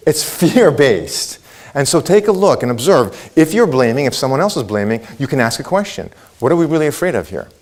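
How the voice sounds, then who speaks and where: A middle-aged man from Israel whose first language is Hebrew, giving a motivational keynote, asking the audience questions and acting out quotes. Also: a little high. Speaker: keynote speaker.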